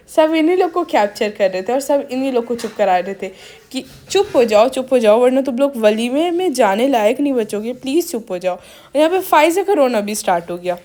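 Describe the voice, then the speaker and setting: Young woman vlogger, chatty voice-over, pitched a touch high. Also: a little mellow. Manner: chatty, addresses viewers as guys. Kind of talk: casual vlog voice-over.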